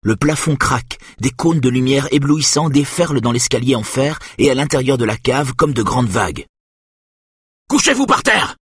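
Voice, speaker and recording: A man reading a thriller audiobook in a steady, measured narration. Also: mid-range voice, breathy edge, no room sound, studio quality.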